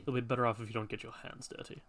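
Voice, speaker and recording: A man voicing a stern company veteran in a video game, speaking formally and with measured, ominous caution. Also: medium pitch, little pitch movement, a bit bright, slight background noise, natural voice. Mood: guarded, polite. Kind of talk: video game cutscene acting.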